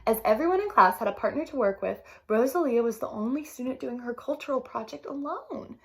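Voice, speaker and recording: A woman teacher reading a children's story aloud expressively, pausing to ask listeners questions. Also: on the high side, animated.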